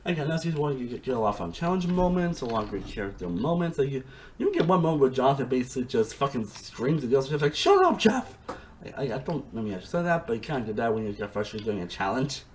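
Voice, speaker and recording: A man talks through a casual review monologue in a rambling, excitable way, restarting sentences and swearing as he goes. His pitch moves a lot. A faint hum of noise sits under the recording. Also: racing, poor audio. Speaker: reality TV reviewer.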